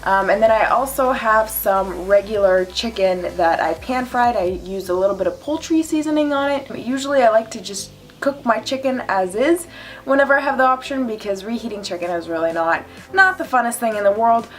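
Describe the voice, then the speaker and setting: A woman's voice: fairly high pitch, fairly quick. A young adult woman talking informally and chattily as a fitness vlogger, with some self-deprecating asides. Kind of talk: casual instructional vlog talk.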